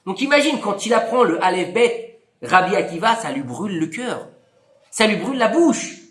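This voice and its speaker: A man's voice: normal speed, reverberant. A man teaching a Torah class, telling a story and acting out its dialogue. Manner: animated, acts out dialogue with big pitch swings. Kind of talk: lively storytelling Torah lesson.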